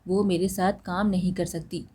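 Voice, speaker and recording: A woman voicing a gruff, hard-working elder brother who farms, speaking brusquely. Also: lowish voice, flat delivery, normal speed, warm tone.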